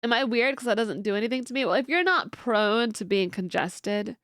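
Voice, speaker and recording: A young woman on stream, nasal from congestion, answers her chat in a rambling, casual way as she watches videos. Her voice is on the high side, fairly bright and fairly quick, with lively intonation on a dry, studio-quality recording.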